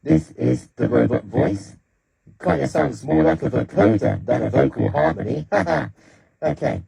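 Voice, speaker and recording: A man testing words through a microphone with harmony and vocoder effects, speaking slowly. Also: medium pitch, lively intonation, creaky, warm tone. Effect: keyboard vocal harmony and vocoder effects. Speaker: keyboard tutorial host. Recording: reverb-heavy mic through keyboard.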